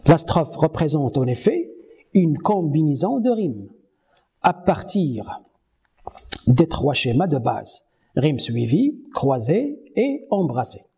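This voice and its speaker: Slow, husky-voiced French lecturer. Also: male voice, a little high, very animated, dark tone. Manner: slow, measured, reads poems aloud and counts syllables. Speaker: university lecturer. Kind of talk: university lecture on French verse. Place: Morocco.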